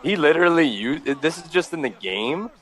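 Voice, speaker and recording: A man's voice: on the high side, animated, brisk, a bit bright. A man co-hosting a casual podcast chat, making wry, joking remarks. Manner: wry, jokey. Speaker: podcast co-host.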